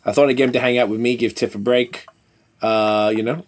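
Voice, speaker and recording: A man's voice: mid-range voice, fairly even intonation, a little fast. A man chatting casually as a podcast host, laid-back, slangy and free with swearing. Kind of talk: casual chat.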